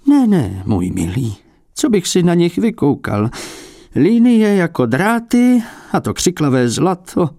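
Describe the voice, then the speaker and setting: A man voicing a fussy, jealous old male abbot and icon painter who talks in a high, piping, peevish way and mocks his rivals. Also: very animated, mellow, dry recording, studio quality. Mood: peevish, mocking.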